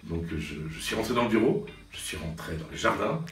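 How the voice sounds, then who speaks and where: A man's voice: fairly low pitch, big pitch swings, brisk. A French man in his late forties, a sports journalist, recounting memories in a hesitant way with many fillers and restarts. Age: 40s. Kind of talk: reflective storytelling to camera. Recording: roomy sound from a distance, faint music.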